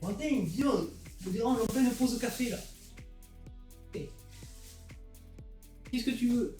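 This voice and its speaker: Un homme jouant un collègue de bureau avec l'accent marseillais, au ton décontracté et un peu bougon. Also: male voice, very high-pitched, a little slow, dark tone, roomy sound, faint music behind, voice pushed up. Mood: grumpy. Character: chatty male coworker with Marseille accent.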